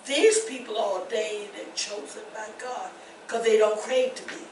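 An older woman pastor preaching a testimony sermon, rising to shouts and laughing. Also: medium pitch, fairly even intonation, moderate pace, slight background noise. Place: church. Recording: echoey church from far off.

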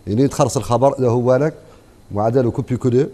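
A man from Mauritania, arguing fast and insistently as a guest on a televised panel debate. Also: medium pitch, dark tone, a little hiss or hum. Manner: fast, insistent, interjects "hnini" to hold the floor.

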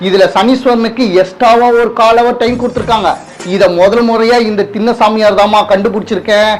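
A man's voice: high voice, fairly even intonation, a little fast, slight background noise, close to an everyday voice, poor audio. A man playing a fake astrologer who puts on a solemn, wheedling tone. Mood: mock-solemn. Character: fake male astrologer, smooth-talking swindler. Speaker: comedy sketch actor. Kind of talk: comedy skit acting.

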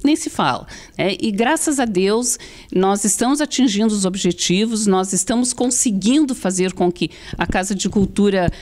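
A woman's voice: mid-range voice, moderate pace, darkish tone. A middle-aged woman with a southern Brazilian gaúcho accent, talking as a guest in an interview. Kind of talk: conversational interview talk. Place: small indoor TV studio. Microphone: handheld microphone.

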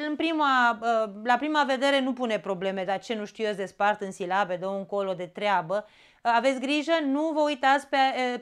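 A woman with a Romanian accent teaching an exam-prep grammar lesson, explaining step by step and often checking in with a quick "da?". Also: on the high side, smooth.

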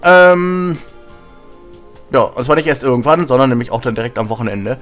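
A man hosting a casual gaming video blog, slightly hoarse from a sore throat, talking in an informal, blunt, rambling way. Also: medium pitch, normal speed, a bit bright, faint music behind. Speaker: gaming channel host.

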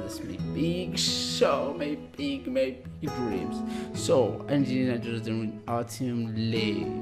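Algerian guy in his 30s doing a song reaction, slow excited broken english, loud guitar music under him. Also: mid-range voice. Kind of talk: casual reaction vlog. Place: small room with blue backdrop.

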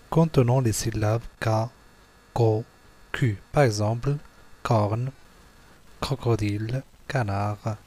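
Man, teacher, very slow, patient, spells out syllables, mid-pitched voice. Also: warm tone. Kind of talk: slow classroom exercise walkthrough.

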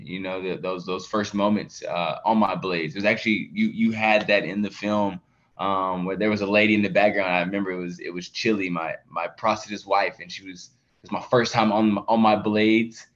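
Speaking on a video call against a plain indoor wall, this thirtysomething athlete and documentary subject responds earnestly to interview questions, full of fillers and repeated words. His voice sits on the low side with a slightly bright quality. The audio is dull, lo-fi video call sound.

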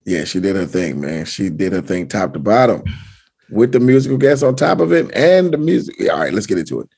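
A man's voice: deep voice, sing-song, fairly quick, gravelly, darkish tone, slightly rough. A man co-hosting a podcast in casual, slangy chat, laid-back and laughing often. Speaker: podcast co-host.

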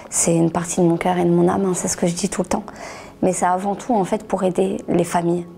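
A middle-aged woman and author telling her story in an interview, halting, restarting words and sometimes sinking to a near whisper. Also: fairly low pitch, little pitch movement, creaky, dark tone, a little hiss or hum. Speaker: author giving a testimony. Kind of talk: personal testimony interview.

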